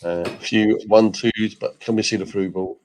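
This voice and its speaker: A man's voice: on the low side, fairly even intonation, normal speed, a little mellow, a little hiss or hum, rough recording. A man from England co-hosting a casual football watchalong, joking and calling the play. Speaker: co-host.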